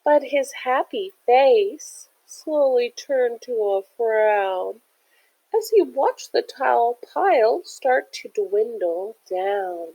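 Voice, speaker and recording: In a low-quality recording, a woman with a fairly high, gravelly, warm voice reads a picture book aloud like a teacher. She keeps it animated, adding chatty, encouraging asides that explain things simply for young listeners.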